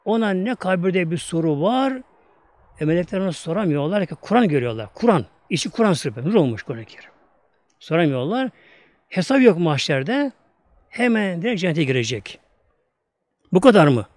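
A man's voice: high voice, big pitch swings, normal speed, long pauses, a little mellow, no echo. A man with a Turkish accent preaching, telling a story in an emphatic, repetitive way. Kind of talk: storytelling religious talk.

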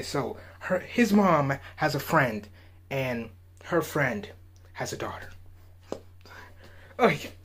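Man, reaction host, slightly husky, rambling and chuckling. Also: medium pitch. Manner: laughs often, trails off with "I don't know". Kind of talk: casual rambling commentary.

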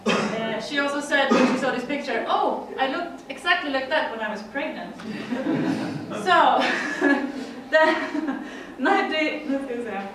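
In a high, animated voice, a middle-aged Swedish woman speaks unhurriedly, with a crowd audible in the background. Her English conference presentation is chatty and Swedish-accented, with many laughs and fillers. A far room mic in a dim conference room captures it with plenty of echo.

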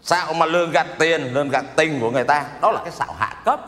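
A man playing a boastful smooth-talking husband. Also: a little high, fast, a bit bright, close to an everyday voice. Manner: persuasive, explains with relish. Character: boastful overseas husband, sly smooth-talker. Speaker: stage comedy actor. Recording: reverberant stage hall with noise.

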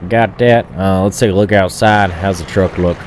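A deep-voiced man commentating a trucking game, sounding tired and drowsy. He rambles on with constant "uh" and "um", drifting into talking to himself. A steady hum of game engine noise runs under his voice. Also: moderate pace. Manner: rambling, full of "uh" and "um", talks to himself. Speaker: gaming streamer. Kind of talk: casual gameplay commentary.

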